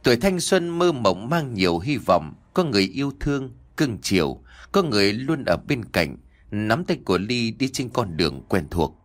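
A man narrating a dramatic audiobook story with an expressive, emotive reading. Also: medium pitch.

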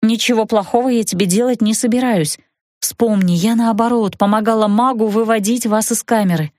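A woman's voice: on the high side, fairly even intonation, a little fast, dry recording, studio quality, lightly acted. Woman reading as a cautious, wry widow. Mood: coaxing. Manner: careful, quietly sly. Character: cautious, wry young widow in a dark cave. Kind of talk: audiobook narration.

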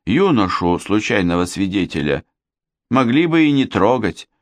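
A noble Russian lady-in-waiting pressing a criminal with reproach, in an audiobook voiced by a man. Her lines rise and fall widely over a low base, in a dry, close recording. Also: big pitch swings, normal speed, no echo. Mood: reproachful. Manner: reproachful questioning.

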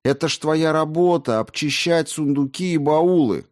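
Male reader doing a cold scheming sorceress, sarcastic, threatening, low male voice, audiobook. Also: animated, a little slow, darkish tone. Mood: sarcastic scolding.

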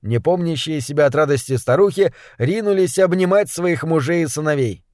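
A man narrating a novel in an even, measured storytelling manner. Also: a little high, no room sound, clean studio sound. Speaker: audiobook narrator. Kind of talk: scripted narration.

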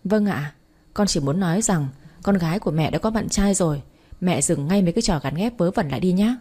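A woman's voice: lowish voice, lively intonation, fairly quick, warm tone, breathy edge. A woman voicing a spirited young mother in a story, pert and a little defiant.

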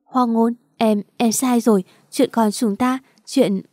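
A heartbroken young woman begs through her tears in a storybook romance, as a woman narrator puts her on. Her voice stays mellow and soft-edged, and it is recorded close and dry. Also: fairly high pitch, fairly even intonation, slow, dry recording. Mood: trembling. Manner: tearful, pleading. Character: grief-stricken young woman pleading with her lover.

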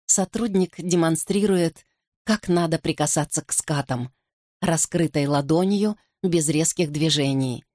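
A woman narrates a novel in first person, measured and composed. Her voice sits low for a woman, and the recording is dry and close with no room sound. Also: mellow, no echo. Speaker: audiobook narrator.

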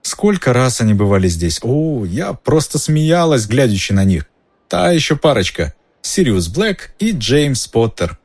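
A man voicing a chatty, curious middle-aged female innkeeper in a raised, softened voice, reading an audiobook. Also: medium pitch, sing-song, a little slow, breathy edge, dry recording, voice pushed up, exaggerated voice. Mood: reminiscing. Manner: gossipy, curious, lilting. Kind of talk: audiobook character voice.

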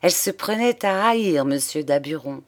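A woman reads a classic detective novel aloud as narrator. Her voice is somewhat low and her reading is steady and expressive. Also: moderate pace. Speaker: audiobook reader. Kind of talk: literary narration.

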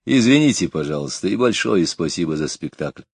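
A man voicing an older, sober, apologetic gentleman, in an audiobook. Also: low voice, big pitch swings, a little fast, creaky, husky, dry recording, exaggerated voice. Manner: polite, apologetic. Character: older sober polite male guest, apologetic.

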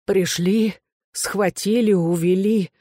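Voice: medium pitch, fairly even intonation, slow, mellow, dry recording, clean studio sound. A reader voicing an older working-class mother who protests in a pleading, indignant voice.

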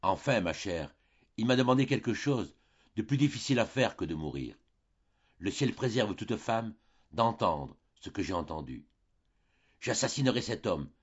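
Audiobook role: a man reading a grave, shaken countess, husky and low, muffled sound. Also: very animated, normal speed. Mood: distressed.

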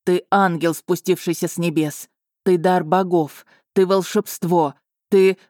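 A woman voicing an overjoyed, overwrought male dragon in an audiobook, speaking a little lower and with earnest warmth. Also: fairly even intonation, a little slow, no room sound, studio quality, natural voice. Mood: ecstatic.

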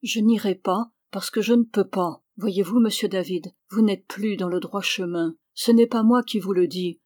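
Brief: woman reading an old male servant, calm, firm, solemn, dry close sound. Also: mid-range voice, normal speed, no room sound, natural voice.

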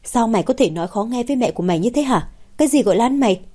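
A woman's voice: on the high side, expressive, very fast, mellow, breathy edge. A woman voicing a domineering older mother who scolds and wails. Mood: scolding. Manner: wailing, scolding.

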